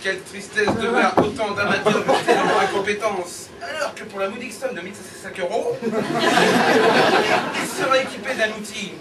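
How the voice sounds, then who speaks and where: Man playing a high-voiced, pompous infomercial pitchman. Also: normal speed, lightly acted. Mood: florid salesmanship. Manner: infomercial pitch, florid, pompous, mock-earnest. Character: male teleshopping pitchman, pompous, suggestive, courteous. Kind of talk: parody infomercial sketch. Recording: noisy roomy far-off recording, loud laughing crowd. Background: loud audience noise and laughter.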